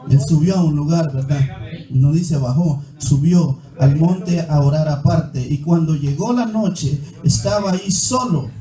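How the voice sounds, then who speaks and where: A man's voice: high voice, mellow. A male preacher giving a sermon, reading scripture aloud with commentary and calling the listeners "hermano". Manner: calls the listeners "hermano" again and again. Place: church hall. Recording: echoey church hall, mic far off, faint music.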